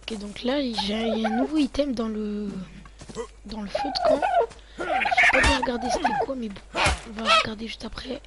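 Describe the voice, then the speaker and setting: In this noisy home-recorded let's play, a male gamer talks his audience through the action at a moderate pace, slipping into half-muttered remarks to himself. His very high voice swoops wildly in pitch.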